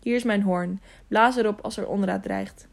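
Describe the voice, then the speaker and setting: Gentle audiobook knight, steady and caring, slightly gravelly tone, read by a woman. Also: mid-range voice, moderate pace, close to an everyday voice. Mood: calm reassuring. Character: calm caring male knight, middle-aged.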